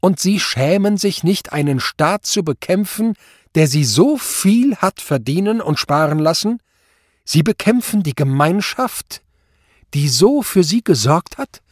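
A man doing a raging, mocking judge; high, loud, lively, husky storybook voice. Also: measured pace, dry recording, clean studio sound. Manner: mocking, shouting, furious. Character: cruel, sneering, bellowing male Nazi judge.

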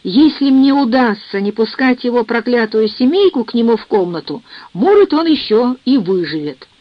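A woman's voice: on the high side, big pitch swings, moderate pace, no echo. A woman voicing a brusque, coarse professional nurse who speaks bluntly, in a dull, dry recording.

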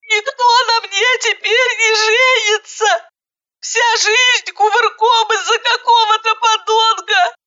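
A woman's voice: fairly even intonation, pushed and bright, muffled recording, full character voice. A woman voicing a hysterical young bride who sobs and cries out in desperation, stretching her words as she wails. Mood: sobbing. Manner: shrill crying outbursts, drawn-out wailing words. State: crying.

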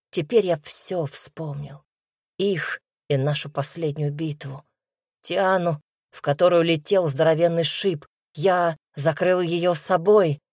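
A woman reading a first-person fantasy story with a low, unhurried voice. The sound is close and dry, with no room around it. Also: darkish tone, no room sound. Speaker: audiobook narrator. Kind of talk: scripted first-person narration.

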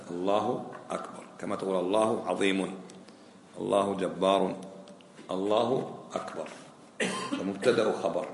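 A man teaching a colloquial lesson on prayer rulings, questioning his students and repeating key phrases. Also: on the low side. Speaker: sheikh teaching a fiqh lesson. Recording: echoey hall with faint ambient noise.

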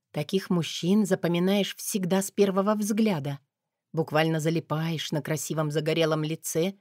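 A woman narrating a first-person novel in an expressive, sardonic manner. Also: lowish voice, dry recording, clean studio sound. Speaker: audiobook narrator.

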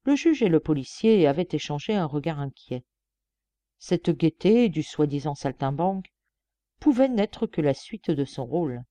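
A woman narrating an audiobook in an expressive storytelling manner. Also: low voice, moderate pace, no echo. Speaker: audiobook reader.

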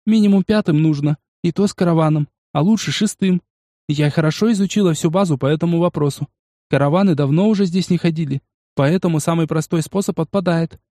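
Man voicing a young woman, confident, eager, raised pitch, mellow tone, audiobook. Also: fairly quick, dry recording, studio quality, close to an everyday voice. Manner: authoritative, upbeat.

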